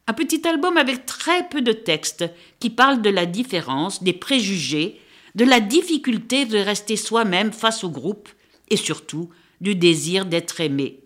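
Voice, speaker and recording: A woman reviewing a children's picture book who reads long stretches of it aloud as an expressive storyteller. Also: medium pitch.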